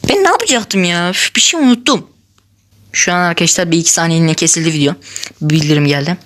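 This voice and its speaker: Her voice sits on the low side as this gaming-channel host talks fast through lively, chatty gameplay commentary. She laughs a lot and addresses her viewers directly.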